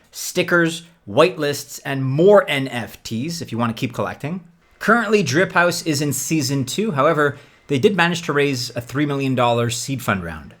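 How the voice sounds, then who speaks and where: A man's voice: medium pitch, fairly bright tone. A man hosting a scripted explainer video, speaking like a presenter with conversational, casual asides. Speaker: host of a crypto investing video.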